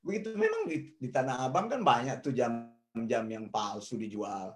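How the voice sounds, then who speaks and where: A man's voice: mid-range voice, big pitch swings, moderate pace, creaky. A man teaching the Bible in sermon style, telling a story and addressing his listeners directly. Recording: roomy echo.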